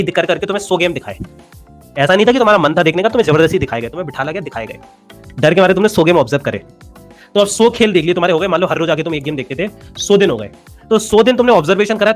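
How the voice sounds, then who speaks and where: A man's voice: high-pitched, lively intonation, racing, faint music behind. A young man with an Indian accent teaching physics in a playful, teasing lecture, slipping English phrases into his talk. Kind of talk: animated classroom lecture.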